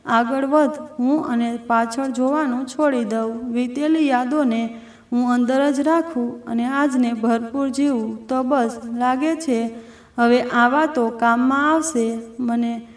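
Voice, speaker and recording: A woman's voice: a little high, steady tone, slow pace. A woman voicing a strong-minded, heartfelt grown woman who talks in an earnest, reflective way. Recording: roomy echo from a distant mic.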